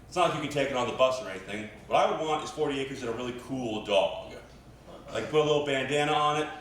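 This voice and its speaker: An American man with West Virginia family roots does stand-up at an open mic in a small live comedy venue. His mid-range, slightly bright voice moves fast, yet the delivery is hesitant and rambling, full of trailing asides. The recording is echoey, with a distant mic and faint noise.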